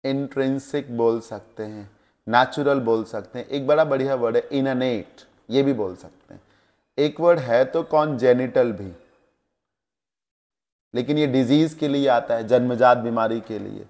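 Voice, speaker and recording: Unhurried and a little mellow, this man's medium-pitched voice guides a classroom through English vocabulary. He gives Hindi glosses for word meanings and checks in with students by asking questions as he goes.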